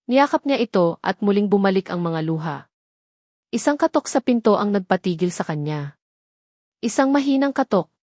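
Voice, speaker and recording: A woman with a Filipino accent narrates a scripted dramatic story in a mid-range, slightly mellow voice. The studio-quality recording has no room sound.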